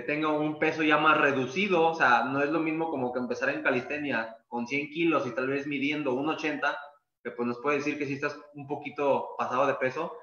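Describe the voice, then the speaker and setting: Male fitness coach, bright tense voice, slightly higher pitch, roomy lo-fi take. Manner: casual, repeats words, fills with "pues". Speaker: calisthenics coach. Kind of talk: masterclass explanation. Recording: echoey room, dull lo-fi sound.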